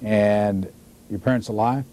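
Studio host: man, lowish dark voice, measured questions. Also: steady tone. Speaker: interviewer, host. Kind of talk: televised studio interview.

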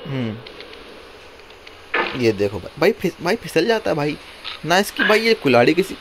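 A hoarse man giving casual gameplay commentary, pleading with and scolding his game character and counting one, two, three before each move. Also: a little high, very animated, normal speed. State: hoarse throat. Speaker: gameplay streamer. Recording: noisy recording with mouse clicks.

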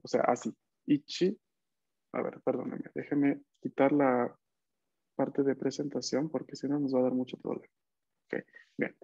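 A man's voice: medium pitch, level tone, a little slow, creaky, pauses often, warm tone, husky, no room sound, muffled recording. A man teaching a Japanese class online, patiently counting out strokes as he writes.

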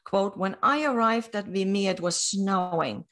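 A middle-aged woman giving a measured academic keynote lecture over slides on a video call, reading from a prepared text with occasional fillers. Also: medium pitch, fairly bright tone. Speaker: keynote speaker. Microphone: webcam on video call.

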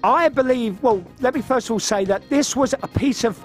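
A man's voice: extremely high pitch, moderate pace, faint music behind. A man in his fifties with a London accent, chatting casually and telling anecdotes as a radio guest in a studio. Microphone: studio microphone, headphones on.

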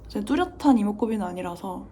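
A woman's voice: mid-range voice, lively intonation, fast, dark tone, slight background noise. Chatty young woman rambling through makeup. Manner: rambling, talks to herself, drops to near-whispers while concentrating. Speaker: beauty vlogger. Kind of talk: chatty get-ready-with-me makeup vlog.

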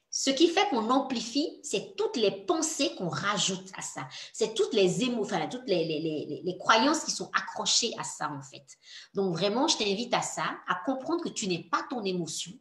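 Lively coaching woman in an echoey room. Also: medium pitch. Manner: earnest and encouraging, addresses the listener directly. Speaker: coach for mothers. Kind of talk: workshop talk.

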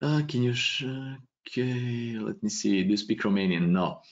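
A man's voice: lowish voice, moderate pace, gravelly. Serbian-accented man on a muffled stream. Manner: loose, thinking aloud, non-native phrasing. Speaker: webinar presenter answering questions. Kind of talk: live tutorial Q&A. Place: small home room indoors. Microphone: webcam video call. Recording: dull lo-fi stream audio.

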